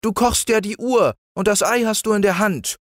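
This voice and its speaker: A man's voice: sits high, moderate pace, dry recording, clean studio sound, pitched above the performer's own voice, close to an everyday voice. A man putting on a scolding exasperated mother.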